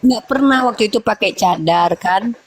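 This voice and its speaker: A woman guest in a casual chat, explaining in a relaxed way and laughing. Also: medium pitch, moderate pace, a crowd in the background.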